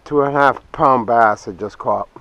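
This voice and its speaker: Out fishing in a small open boat on the water, a man keeps up a relaxed vlog chat while filming himself. He speaks at a moderate pace in a medium pitch, and the sound is lo-fi, captured by an action camera worn on his chest or head with plenty of outdoor noise behind him.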